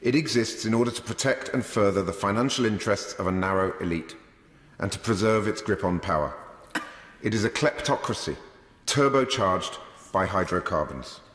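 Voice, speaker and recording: British male MP, parliament speech, low voice, measured and emphatic, recorded in a big reverberant chamber. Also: expressive, fairly bright tone. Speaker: member of parliament making a speech. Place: large debating chamber. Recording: echoey hall, long reverb.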